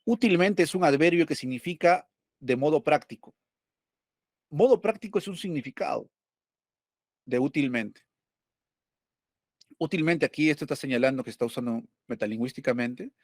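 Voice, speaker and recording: A man's voice: fairly high pitch, a little mellow, no echo, studio quality. A male teacher going over test questions, explaining step by step and asking and answering his own questions.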